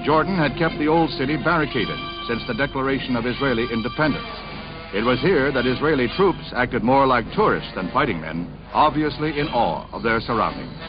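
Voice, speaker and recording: A man giving scripted narration for an old newsreel, in a brisk and dramatic announcer's delivery. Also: medium pitch, expressive. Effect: old newsreel recording. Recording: dull lo-fi newsreel sound with music behind.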